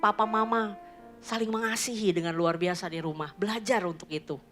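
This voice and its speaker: A woman's voice: medium pitch, fairly quick, fairly bright tone, soft background music. A woman, preaching a sermon in a church. She tells stories and addresses the congregation, mixing in English phrases. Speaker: pastor.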